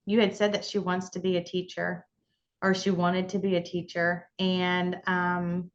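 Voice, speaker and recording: Woman hosting a charity interview, soft affirming yeahs, muffled lo-fi audio. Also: fairly low pitch, monotone, measured pace, a little hiss or hum. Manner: gentle, affirming, with short yeahs. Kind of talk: interview questions.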